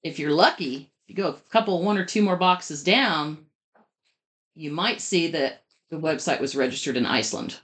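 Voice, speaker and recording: A woman giving step-by-step advice in a conversational interview, talking quickly and in detail. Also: low voice, a bit bright. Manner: brisk, explains step by step, talks fast. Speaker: guest expert on publishing scams.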